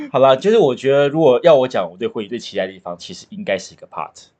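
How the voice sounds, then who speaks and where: A man, co-hosting a casual podcast chat and telling stories in an animated, joking way. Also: mid-range voice, fast talker. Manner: animated, chatty, jokey storyteller. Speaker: podcast co-host about to marry.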